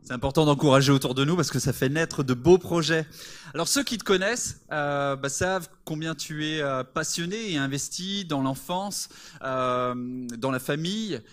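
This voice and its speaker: A man's voice: fairly high pitch, normal speed. Enthusiastic male church host. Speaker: church host interviewing a guest. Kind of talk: live church interview. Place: church service before a congregation.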